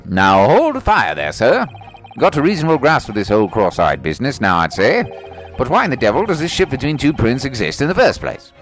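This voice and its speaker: A man voicing an impatient, blustery old-fashioned gentleman juror in a video game. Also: medium pitch, huge pitch swings, fairly quick, soft background music.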